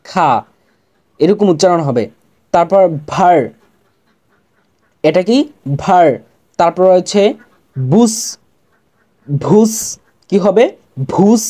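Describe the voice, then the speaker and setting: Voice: medium pitch, a little mellow. A language teacher giving an online lesson, patiently drilling pronunciation and repeating each syllable, asking and then answering.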